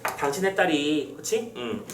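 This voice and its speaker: A man's voice: on the high side, sing-song, unhurried, fairly bright tone, echoey room, a little hiss or hum, pitched below the performer's own voice. A man voicing a polite young nobleman husband. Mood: polite refusal.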